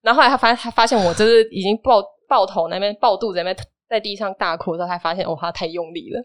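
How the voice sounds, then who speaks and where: Fast-talking woman telling a story. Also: mid-range voice, no echo. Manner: lively storytelling, animated retelling of dialogue. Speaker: guest telling a personal story. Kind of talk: casual podcast chat.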